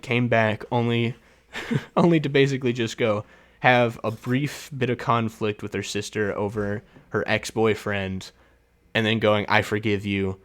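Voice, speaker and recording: A man's voice: mid-range voice, fairly bright tone. A man hosting a casual solo film review, chatty and laughing often, with many fillers and restarts.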